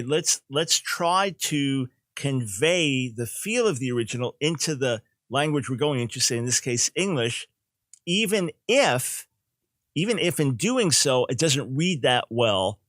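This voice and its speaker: A man's voice: medium pitch, a bit bright, dry recording. Older guy hosting a radio call-in, lecturing emphatically, dry close sound. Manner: explanatory, emphatic, repeats words as he restarts. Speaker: radio talk show host and Bible teacher. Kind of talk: teaching on a call-in talk show.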